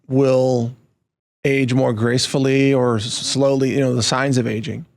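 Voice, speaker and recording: A man's voice: medium pitch, flat delivery, measured pace, creaky, darkish tone. A man from the American Midwest, a podcast guest who explains things with an amused, incredulous edge. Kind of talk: casual conversation.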